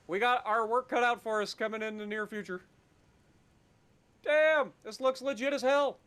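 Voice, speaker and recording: A man's voice: high-pitched, fairly bright tone. A man streaming a train game, chatting casually and swearing now and then. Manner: laid-back, swears casually. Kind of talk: casual gameplay chat.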